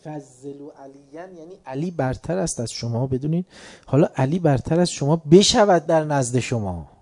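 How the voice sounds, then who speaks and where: A man giving a religious lecture, quoting Arabic phrases and explaining them, moving between quiet asides and loud emphatic declarations. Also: fairly high pitch, lively intonation. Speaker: preacher.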